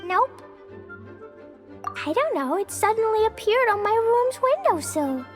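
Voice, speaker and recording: A woman's voice: very high voice, very animated, unhurried, full character voice. A woman voicing an earnest, innocent little girl in a video game, with a childlike way of talking. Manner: childlike, speaks of herself in third person. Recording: faint music under the voice.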